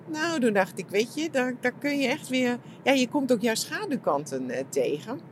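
A middle-aged woman talking reflectively about her retreat, soft and searching, with many fillers and restarts. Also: on the high side, sing-song, normal speed, slight background noise. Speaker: shiatsu practitioner and podcast host. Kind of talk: reflective personal monologue.

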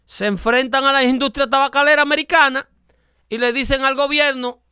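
High, bright-voiced man lecturing emphatically. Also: fairly even intonation, fairly quick, dry recording, studio quality. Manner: emphatic, lecturing, acts out dialogue. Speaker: show host. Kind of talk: opinionated talk show chat.

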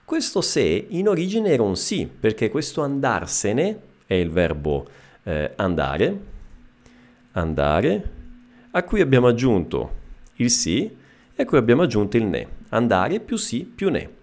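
Male teacher, video lesson; animated delivery, a gravelly edge, keeps checking the viewers follow. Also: mid-range voice, measured pace. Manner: lively explaining, checks with frequent "ok?". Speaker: Italian teacher.

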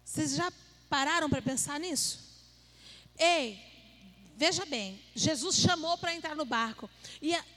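A woman with a bright, high voice preaches a sermon. She keeps it playful and conversational, teasing her listeners and asking them questions as she goes. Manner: playful and conversational, jokes with the audience.

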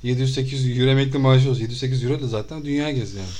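Casual male traveler, quick talker with a noticeable stammer and loose delivery. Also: medium pitch, fairly even intonation, a crowd in the background. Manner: stammers, restarts words often. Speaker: traveler telling trip stories. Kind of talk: casual chat.

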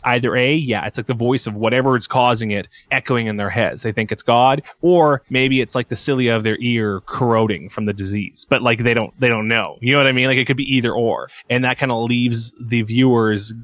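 A man's voice: mid-range voice, steady tone, brisk, few pauses, a bit bright, dry recording, clean studio sound. A young man brainstorming a film idea in casual chat, eager and rambling with many fillers.

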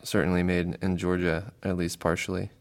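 A man co-hosting a casual podcast, relaxed and reading out film listings with plenty of ums. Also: low voice, normal speed. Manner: relaxed, reads out film listings with many fillers. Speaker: podcast co-host.

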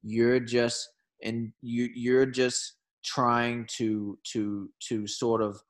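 An earnest man in a casual conversation with a voice of ordinary pitch. He restarts and repeats words as he looks for a thought, then speeds up into quick bursts. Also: flat delivery.

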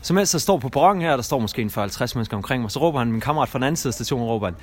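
A man's voice: medium pitch, expressive. A young man casually telling a rambling anecdote as a guest, with lots of fillers and restarts. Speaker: guest storyteller.

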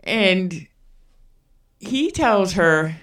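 A woman podcast co-host retelling a film in an unhurried, rambling way with fillers. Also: lowish voice, expressive, a bit bright, recorded from a distance. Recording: roomy, away from the mic.

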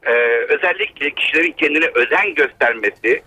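A man's voice: on the high side, lively intonation, fairly quick, pushed and bright, slightly rough. A man in his fifties calling a radio show over a landline phone, explaining his point with frequent hesitations. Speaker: caller, human resources trainer. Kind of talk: call-in radio talk.

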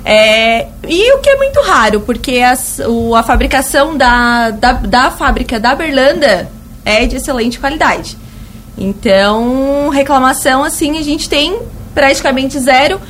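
A woman with a high-pitched, thin and reedy voice that sounds slightly cracked. She talks colloquially as a store representative in a radio interview, repeating points for emphasis, with faint noise behind her. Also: expressive, a little slow, a bit bright. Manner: colloquial, fond of diminutives and emphatic repetition. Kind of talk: conversational promotional interview. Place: radio studio.

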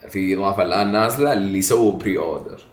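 Low-voiced man, echoey room. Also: rapid-fire. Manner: emphatic, advice-giving banter. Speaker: podcast co-host. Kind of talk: casual gaming chat.

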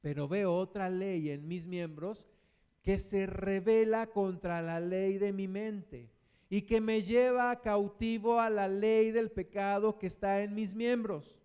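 A man with a Mexican accent preaching a sermon, slowing down to stress each quoted verse and asking rhetorical questions. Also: high voice, steady tone, a little mellow, smooth. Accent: Mexican Spanish.

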